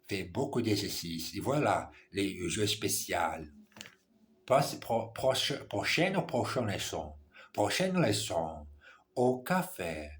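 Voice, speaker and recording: This language learner, speaking in a lowish voice, films himself on his phone working through French dialogue, saying lines again and correcting himself. The casual practice vlog carries a bit of background noise.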